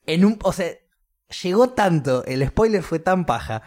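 A young man with a Rioplatense Spanish accent, telling a story in casual chat, swearing and loudly acting out quotes. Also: sits high, animated, measured pace.

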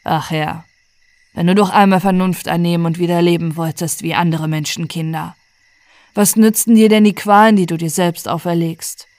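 A woman's voice: fairly low pitch, fairly even intonation, moderate pace, a little mellow, dry recording, lightly acted. A woman voicing a loyal old male servant who talks in an earnest, scolding way.

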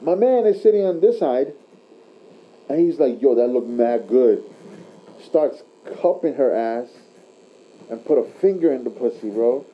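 A man's voice: fairly high pitch, expressive, moderate pace. A man chatting casually like a frat bro, telling anecdotes in crude slang and punctuating them with bro. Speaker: tattoo artist telling stories. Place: tattoo shop. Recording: dull lo-fi recording.

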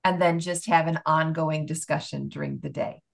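A woman's voice: low voice, steady tone, moderate pace, vocal fry. A middle-aged woman hosting a faith-based coaching chat, asking encouraging, guiding questions. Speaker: podcast host and life coach.

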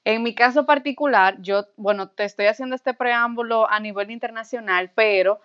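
A young woman with a Dominican accent, a podcast guest explaining things in an articulate, measured way. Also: fairly high pitch, clean tone. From Dominican Republic. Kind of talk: casual interview talk. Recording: slightly dull lo-fi audio.

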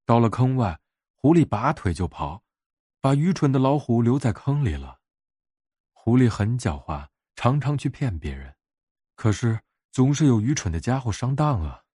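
A man narrating a bedtime fairy tale for adults in a gentle, unhurried storytelling manner. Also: mid-range voice, sing-song, breathy edge, no echo, studio quality.

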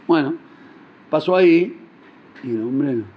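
A man with a Rioplatense Spanish accent teaching in a storytelling sermon, animated and acting out the characters. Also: on the high side, measured pace, breathy edge.

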